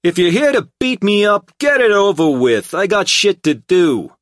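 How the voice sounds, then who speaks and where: A cocky, contemptuous mob lawyer, put on by a male narrator, barking his lines high and loud. His voice jumps around with scorn, and the recording is dry and close. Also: animated, moderate pace, dry recording. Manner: loud, sneering, dismissive.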